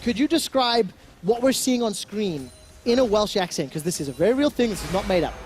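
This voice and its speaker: A man bantering playfully with his co-caster during an esports broadcast. His voice is high, and music runs in the background. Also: expressive, a little fast. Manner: teasing, playful prompting. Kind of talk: casual banter between casters.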